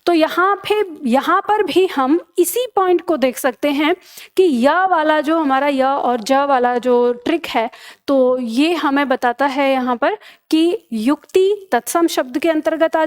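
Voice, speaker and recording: A woman's voice: high-pitched, unhurried. A woman teaching a Hindi grammar lesson for exam preparation, patiently explaining and repeating each word pair.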